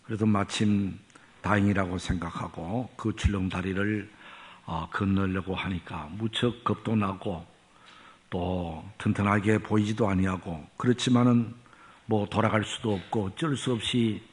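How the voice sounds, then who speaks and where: A man preaching a sermon, telling a story and then teaching in a measured way that rises for emphasis. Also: fairly low pitch, fairly even intonation. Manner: measured preaching with rising emphasis and drawn-out pauses. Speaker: pastor.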